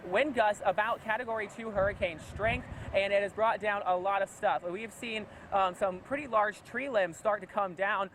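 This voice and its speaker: A man's voice: sits high, fairly bright tone, rough recording. A man working as a field reporter, giving unscripted live storm coverage outdoors and projecting over the wind. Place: outdoors by a flooded road in a hurricane.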